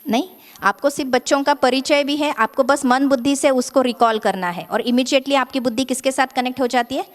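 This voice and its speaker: Calm woman guiding a meditation session. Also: high-pitched. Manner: calm, measured, gently instructive; Hindi with English words mixed in. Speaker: spiritual speaker and meditation guide. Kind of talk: spiritual talk and guided meditation. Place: meditation centre event.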